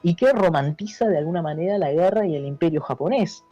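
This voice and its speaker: As an interview guest, a Buenos Aires history teacher speaking Argentine Spanish explains things in casual talk, halting and repeating words while using question tags to seek agreement. His voice is a little high and warm. The sound is dry and dull lo-fi, with no echo and music in the background.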